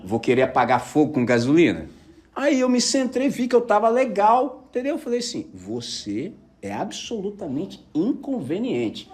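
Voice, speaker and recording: Animated preacher man, lively swooping voice. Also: extremely high pitch, fairly quick. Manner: animated storyteller, keeps asking the audience if they follow. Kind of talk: conversational sermon with personal stories.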